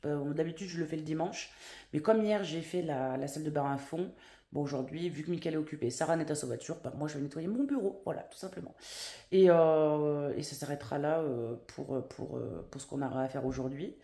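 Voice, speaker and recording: A woman's voice: deep voice, brisk, gravelly, dark tone. A woman vlogging at home in casual chat, rambling with many fillers and restarts. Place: at home, indoors. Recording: echoey room.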